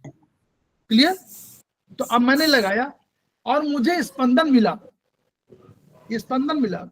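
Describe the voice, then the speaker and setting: A man with a very high voice teaches an acupressure class in a patient, explanatory way. He keeps checking on his students with questions and restarts his sentences often. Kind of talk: online class lecture.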